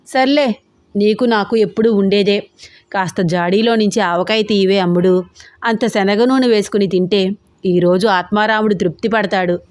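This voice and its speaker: A woman's voice: medium pitch, normal speed, darkish tone, no room sound, close to an everyday voice. A woman doing a cranky old mother-in-law. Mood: grumbling. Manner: scolding, grumbling.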